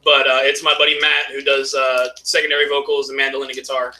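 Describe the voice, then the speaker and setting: Band guy on a live stream, super bright voice, laid back and self-mocking. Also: mid-range voice, flat delivery, fast talker. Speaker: guest, singer in a pirate-themed band. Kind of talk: casual live-stream chat.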